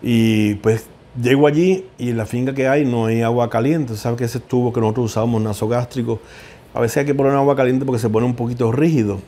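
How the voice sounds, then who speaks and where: A man's voice: medium pitch, fairly even intonation, fairly quick, dark tone. A middle-aged man, an equine veterinarian, telling heartfelt stories in an interview. He often repeats words as he searches for them. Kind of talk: emotional interview storytelling.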